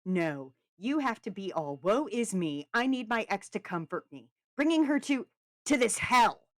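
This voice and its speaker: A woman voicing a furious shouting young man. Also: low-pitched, normal speed, no echo, close to an everyday voice. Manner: shouting, accusing. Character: furious young man blaming his brother.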